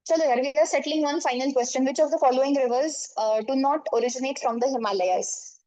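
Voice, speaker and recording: A woman geography teacher with a North Indian accent speaks in a high voice at a quick pace. She explains informally, slipping between English and Hindi and adding small check-ins. The sound is dry and close. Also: dark tone, no echo, low-quality recording. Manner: explanatory, often checking with okay and right. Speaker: geography teacher for exam coaching. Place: online class over screen share.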